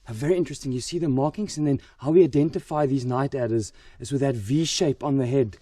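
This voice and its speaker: A man with a soft-edged, husky voice narrates a wildlife encounter outdoors, a little away from the microphone. His tone is mellow and full of awe, often sinking into a gentle hush. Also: mid-range voice, quick pace, far from the mic. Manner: awed, repeats exclamations of wonder. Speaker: wildlife presenter. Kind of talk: outdoor wildlife vlog commentary to camera. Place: outdoors at night in a forest by water.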